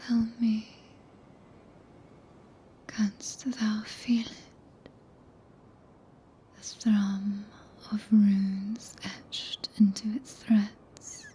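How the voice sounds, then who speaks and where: A British woman playing a regal, tender, possessive witch in a soft, breathy, intimate ASMR whisper close to the microphone. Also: medium pitch, little pitch movement, full character voice. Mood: tender, solemn. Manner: slow, solemn, intimate, deliberate pauses. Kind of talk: ASMR roleplay, archaic scripted speech. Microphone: close binaural ASMR microphone.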